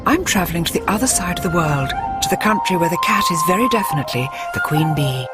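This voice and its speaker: A woman's voice: lowish voice, expressive, fast. A woman presenter giving a dramatic, scripted nature documentary narration. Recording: music behind the voice.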